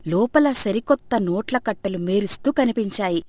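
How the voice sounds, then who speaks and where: A woman narrating a storybook cartoon in a steady storytelling way. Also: mid-range voice, normal speed, no echo.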